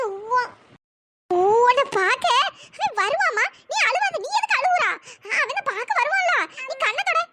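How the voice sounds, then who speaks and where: A voice actor voicing a fretful old grandmother in a cartoon story, coaxing and lamenting with repeated cries, through a pitch-raised voice effect. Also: very animated, measured pace, noisy background, full character voice. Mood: soothing.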